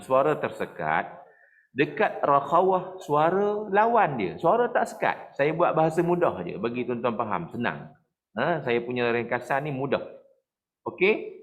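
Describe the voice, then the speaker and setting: Slow-speaking Malay man teaching recitation. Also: medium pitch. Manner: explains slowly, then demonstrates recitation in drawn-out chant; asks and answers his own questions. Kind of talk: tajwid lesson for mosque officials.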